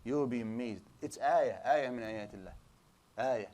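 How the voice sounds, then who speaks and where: An Islamic studies teacher speaks at normal speed in a dark-toned, mid-range voice while lecturing a class. In a small room with a projector screen, he explains, asks rhetorical questions and restarts his sentences frequently.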